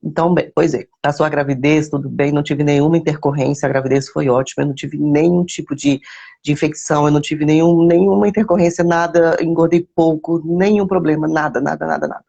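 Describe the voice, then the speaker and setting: A woman with a gravelly, creaky edge tells a personal faith testimony in casual storytelling fashion. She circles back over words and phrases to stress them. Now and then she greets her live viewers by name. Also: low voice, steady tone, fast talker, dark tone, dull audio. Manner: repeats words and phrases for emphasis.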